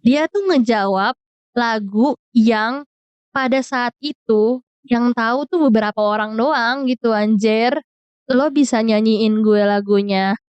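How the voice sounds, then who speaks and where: Young woman rambling through a storytime, kinda high voice, slangy, english bits thrown in. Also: a little mellow, smooth, no room sound, muffled recording. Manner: chatty, mixes English into slang-heavy Jakarta speech. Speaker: vlogger. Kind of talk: casual storytime chat.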